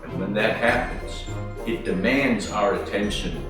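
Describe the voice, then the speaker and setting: A man speaking as a horror host, commenting on a film in a theatrical, measured, mock-solemn manner. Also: lowish voice, far from the mic. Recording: echoey room, off-mic, music behind. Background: music.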